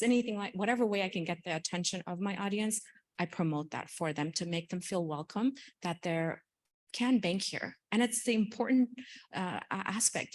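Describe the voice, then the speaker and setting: A woman from Afghanistan answering as a panelist at a conference, speaking earnestly and with animation. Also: fairly low pitch. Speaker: panelist, credit union financial wellness partner. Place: conference room.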